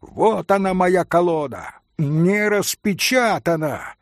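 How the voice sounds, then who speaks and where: A man voicing a shrewd, blunt middle-aged innkeeper who scolds loudly in folksy speech in a storybook reading. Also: high-pitched, big pitch swings, slow, creaky, husky, no echo, clean studio sound, voice pushed up, full character voice. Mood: scolding.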